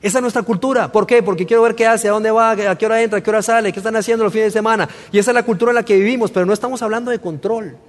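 A man preaches a sermon in a high, ringing voice. He talks to the listeners as if chatting with them, then builds to emphatic repeated phrases. His voice carries a long reverb, as in a large hall. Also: steady tone, very fast, hardly any pauses. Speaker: pastor.

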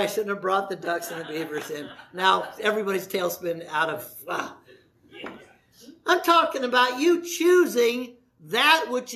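Animated high-voiced male preacher. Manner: folksy, animated preaching with asides and jokes. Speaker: pastor. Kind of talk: sermon.

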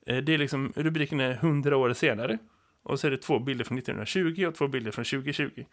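A man who teaches, co-hosting a podcast in relaxed chat, laughing often and filling pauses with "eh". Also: mid-range voice. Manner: chatty, laughs often, many fillers.

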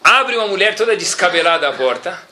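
A man telling a religious story in an animated sermon style. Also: high voice, quick pace. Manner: lively, animated storytelling with Hebrew terms.

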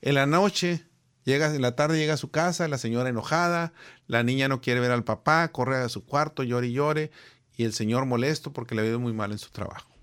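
Man telling lively stories. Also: mid-range voice, brisk, smooth. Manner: animated storyteller, acting out the people in his anecdotes. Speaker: guest speaker on personal growth. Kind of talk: conversational storytelling.

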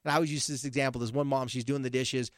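A male therapist chatting casually, an animated storyteller who jumps between topics. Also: mid-range voice, very fast, no echo, studio quality. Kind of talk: casual podcast chat.

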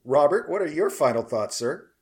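A man's voice: fairly high pitch, animated, darkish tone. A man hosting a casual review podcast, loose and joking, handing turns to his co-hosts. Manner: loose, joking, quick to laugh. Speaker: podcast host.

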